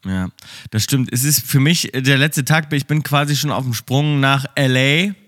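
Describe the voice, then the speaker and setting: A man's voice: mid-range voice, moderate pace, a bit bright. Chatty man who mumbles his endings. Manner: chatty, explains drink recipes. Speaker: podcast host. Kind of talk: casual podcast chat.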